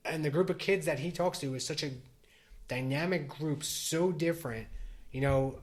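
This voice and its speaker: A man's voice: a little high, moderate pace. A middle-aged man co-hosting a podcast, talking in a loose, rambling way with lots of restarts and fillers. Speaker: podcast co-host. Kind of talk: casual chat.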